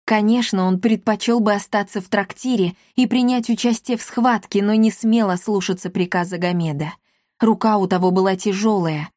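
A woman's voice: medium pitch, warm tone, dry recording. Female audiobook narrator, dramatic storytelling, dry studio read. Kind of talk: expressive audiobook reading.

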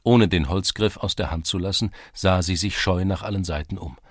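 A man narrating a literary story in a measured, storytelling way. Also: low-pitched, no echo, clean studio sound. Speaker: audiobook narrator.

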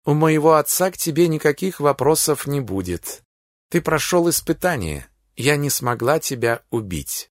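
A man voicing a fierce young werewolf woman warrior, speaking calmly and bluntly with a menacing edge. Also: a little high, moderate pace, no room sound, clean studio sound. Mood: cool, blunt. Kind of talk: audiobook character reading.

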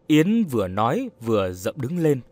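Male narrator for audio fiction, animated delivery, middle pitch. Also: normal speed. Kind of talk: scripted story narration.

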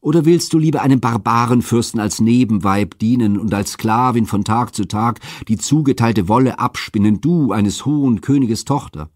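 A man reading aloud and voicing a despairing young princess with a high, strained, impassioned lament. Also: normal speed, few pauses, darkish tone, dry recording, studio quality, natural voice. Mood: self-reproaching. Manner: impassioned, declamatory.

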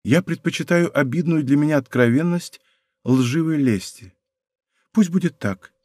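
A hushed composed princess, read by a man. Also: on the high side, no room sound, clean studio sound, close to an everyday voice. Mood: quiet, composed. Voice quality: soft, hushed. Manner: calm, deliberate and quietly firm. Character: proud young princess, cool and composed. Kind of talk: audiobook character voice.

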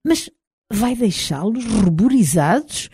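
A woman's voice: mid-range voice, animated, slow, warm tone, husky, no echo, studio quality, voice pushed up, full character voice. A woman with a European Portuguese accent reading a stern, fussy Irish ship's cook who insists on propriety. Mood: insistent. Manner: scandalized, insistent.

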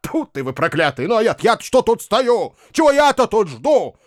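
A man reading a furious, grumbling older landowner who splutters out his outrage in a raised, high, strained voice. His pitch leaps about, and the sound is dry and close. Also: very animated, normal speed, no room sound. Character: irate grumbling old male landowner.

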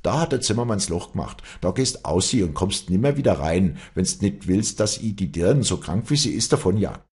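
A man's voice: low voice, animated, moderate pace, few pauses, a little mellow, voice pushed up. A man voicing a stern elder brother and head of a farm household, speaking in a commanding Bavarian dialect.

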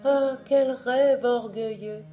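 A woman voicing a humble, devout widowed mother from a storybook who loudly pleads with her proud daughter. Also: fairly high pitch, fairly even intonation, slow pace, soft background music, pitched above the performer's own voice. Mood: alarmed scolding. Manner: pleading, scolding.

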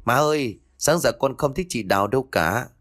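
A man's voice: medium pitch, animated, brisk, fairly bright tone, dry recording, studio quality, close to an everyday voice. A man voicing a frightened young girl from a wealthy house who pleads and weeps. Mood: pleading, tearful. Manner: pleading, tearful.

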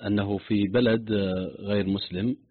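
A man's voice: fairly low pitch, steady tone, normal speed. A man hosting a religious call-in radio show, formal and polite as he passes on callers' questions. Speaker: radio host. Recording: narrow-band radio broadcast.

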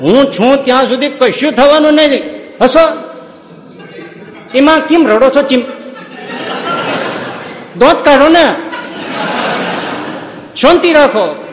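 A boastful old village uncle, as a preacher puts him on, barking loud, soothing orders in a high, carrying voice. The voice rings through a big echoey hall with a long tail of reverb. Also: male voice, animated, takes it slowly, pauses often, full character voice. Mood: reassuring boastful. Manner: loud reassuring commands.

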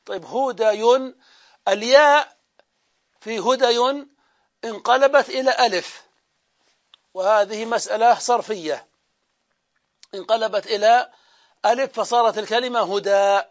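A man with a high voice teaching a grammar lesson, working through each point by asking a question and answering it himself. He stretches out the example words as he repeats them. The recording is dull and lo-fi. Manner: explains step by step, asks and answers his own questions; drawn-out repetition of example words. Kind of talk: classroom grammar lecture.

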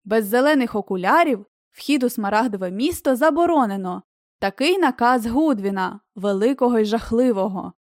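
A woman's voice: fairly high pitch, expressive, moderate pace, no echo, studio quality, lightly acted. A woman reading the part of a strict male gate guard in an audiobook, in a formal, stern manner.

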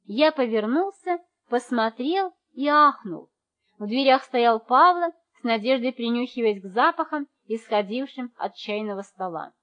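A woman reading a novel aloud, lively, acting out each family member's voice. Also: a little high, a little slow. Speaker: audiobook narrator. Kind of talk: scripted narration. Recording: dull lo-fi recording.

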